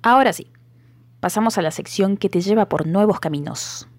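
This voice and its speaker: An Argentine woman co-hosting a podcast in casual chat, retelling things in a joking, animated way. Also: medium pitch, normal speed, no echo, clean studio sound. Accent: Argentine Spanish. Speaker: podcast co-host.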